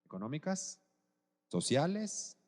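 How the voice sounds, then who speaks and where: A pastor preaching, his voice sitting a bit high for a man. He keeps asking the congregation whether they follow him. The sound carries a long reverb from a large church hall. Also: big pitch swings, slow, a little mellow. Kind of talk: sermon.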